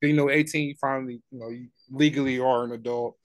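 A man's voice: mid-range voice, steady tone, fairly quick, no echo. A man in his twenties co-hosting a podcast in casual chat. He talks in a laid-back, slangy way and restarts his sentences often. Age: 20s. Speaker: podcast co-host.

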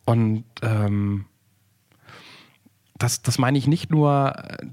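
A man's voice: medium pitch, drawn-out words, a little mellow. A man in his forties talking casually and thoughtfully on a podcast, rambling with frequent restarts and fillers. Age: 40s. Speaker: podcast co-host.

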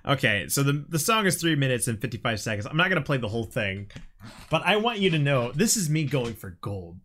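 A man's voice: medium pitch, sing-song, fairly quick, bright, forceful tone, soft background music. A young man co-hosting casually, swearing and laughing while he reads out an old screenplay he wrote. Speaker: co-host reading his old script. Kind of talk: casual chat and script reading.

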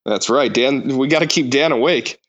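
A man's voice: medium pitch, normal speed, fairly bright tone, lo-fi sound. A man co-hosting a sports podcast on a mic, bantering wryly and casually. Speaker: podcast co-host.

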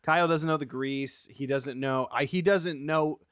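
A man's voice: a little high, fairly even intonation, normal speed, a bit bright. A man co-hosting a podcast in casual, jokey chat. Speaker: podcast co-host.

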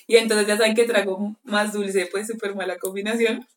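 A young woman telling a story in a casual podcast chat, animated and laughing often as she acts out quotes. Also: mid-range voice, moderate pace, echoey room. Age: young adult. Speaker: podcast co-host.

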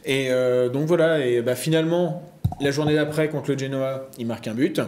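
A man's voice: medium pitch, fairly even intonation, moderate pace, darkish tone, echoey room. A man on a football panel, chatty and joking, laughing often. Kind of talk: casual panel chat.

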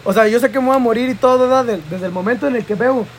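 A man's voice: extremely high pitch, racing, a little hiss or hum. A young man with a Mexican accent, co-hosting a casual podcast, full of slang and laughing often. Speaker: podcast co-host. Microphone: studio mic.

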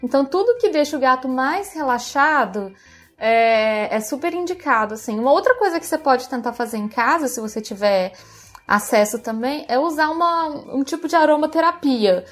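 A woman's voice: high-pitched, animated, normal speed. A Brazilian woman hosting a pet podcast, explaining cat behavior in a casual, friendly way. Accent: Brazilian Portuguese. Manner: explanatory, friendly, restarts phrases. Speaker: podcast host, pet expert.

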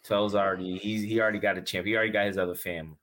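Laid-back man, lower voice, laughs a lot. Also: racing. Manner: laughs often, slangy, relaxed. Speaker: podcast co-host. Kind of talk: casual sports chat.

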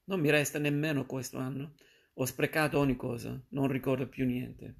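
A man's voice: mid-range voice, flat delivery, normal speed, gravelly, husky. A man reading a moody, teasing woman in a novel. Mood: wistful.

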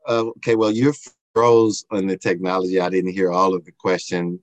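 An older man talking slowly with many fillers, heard over a glitchy video call as an interview guest. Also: low voice, level tone, no room sound. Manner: slow and halting, with many fillers. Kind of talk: reflective interview talk.

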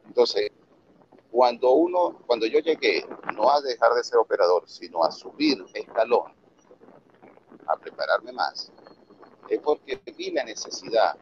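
A man's voice: mid-range voice, expressive, a little slow, pauses often. A man from Venezuela, a radio announcer and producer, giving earnest, instructive answers in a remote interview, with a Valera accent. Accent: Venezuelan Andean, Valera. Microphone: video call. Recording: dull lo-fi video call audio with faint noise.

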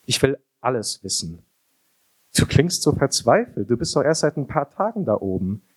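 A man's voice: mid-range voice, sing-song, moderate pace, slightly rough, voice pushed up. A man voicing a restless teenage girl in an audiobook, eager and impatient. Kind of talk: audiobook character voice.

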